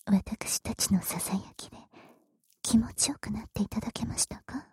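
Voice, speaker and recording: A woman voicing a polite, ladylike older sister in a castle in a whispered role-play, speaking in a breathy voice close to the ear. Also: medium pitch, fairly even intonation, normal speed, mellow, no room sound. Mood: soft, devoted. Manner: courteous, formal ladylike speech. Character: polite noble older sister, doting on hero.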